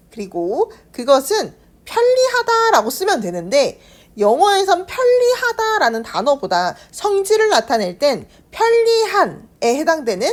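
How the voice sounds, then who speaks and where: A woman teaching English in a scripted online lesson, with a Korean accent. She explains slowly and carefully and draws out the model sentences. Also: high-pitched.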